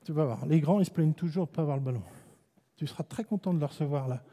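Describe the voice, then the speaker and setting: French-accented male coach, high voice, long reverb of a gym with balls bouncing; clipped commands, teasing. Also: very fast, dark tone. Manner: barks short commands, teasing players. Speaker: basketball coach. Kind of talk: live coaching clinic on court. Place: indoor basketball gym. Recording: long echo of a gym hall.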